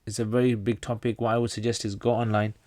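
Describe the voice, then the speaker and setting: On a casual livestream, a North Pakistani man whose first language is Pashto reads out viewers' questions and gives plain answers, frequently restarting his sentences. His voice is lowish, level, and a little mellow, he speaks fast, and there's no room sound at all.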